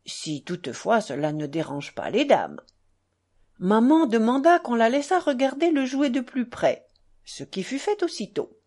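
A woman narrating a literary audiobook in an expressive, measured storytelling manner. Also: a little high.

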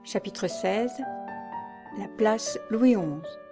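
A woman narrating an audiobook of a 19th-century novel in a measured, clear literary reading. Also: mid-range voice, warm tone, soft background music.

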